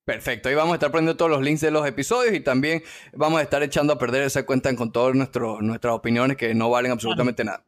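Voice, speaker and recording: A man's voice: medium pitch, racing. A man hosting a sports podcast in a casual, jokey and teasing style.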